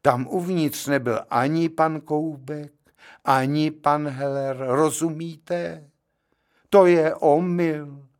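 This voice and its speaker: A man playing a stern, placating gentleman. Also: a little high, fairly even intonation, pitched above the performer's own voice, natural voice. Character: stern middle-aged gentleman, smoothing things over.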